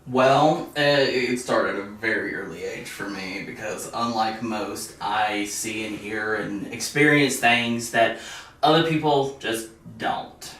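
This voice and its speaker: A man's voice: fairly low pitch, slow pace, a bit bright, slight background noise. A young man talking as a guest on a casual podcast, earnestly explaining at length. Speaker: guest, medium. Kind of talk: casual interview. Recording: very echoey room, distant mic.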